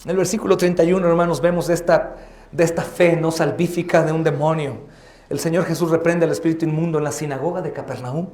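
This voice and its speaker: A man preaching a sermon as pastor, impassioned and rising to loud exhortation. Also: on the high side, fairly even intonation, fast talker. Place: church hall. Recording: echoey church hall.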